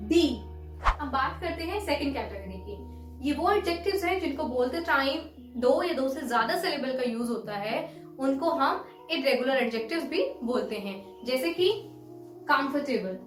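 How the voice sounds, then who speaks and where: A woman teaching English grammar in a lesson, slowly spelling out word forms one by one. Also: high-pitched, lively intonation, reverberant, soft background music, low-quality recording. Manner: slow, deliberate dictation of word forms.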